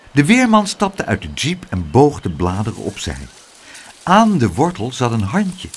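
A man reading a children's storybook aloud in a lively, expressive way. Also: mid-range voice, husky.

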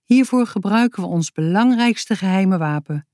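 A woman's voice: medium pitch, expressive, moderate pace, a little mellow, no echo, clean studio sound, close to an everyday voice. A woman voicing an earnest, inventive young boy who explains his plans in a storybook reading.

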